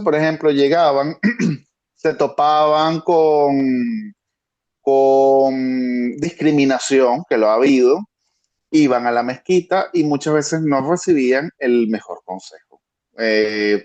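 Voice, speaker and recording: A man's voice: mid-range voice, a little mellow. A Venezuelan man with a Venezuelan Spanish accent, a guest analyst thinking aloud with frequent restarts over a video call. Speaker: guest, international security analyst. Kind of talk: conversational expert analysis.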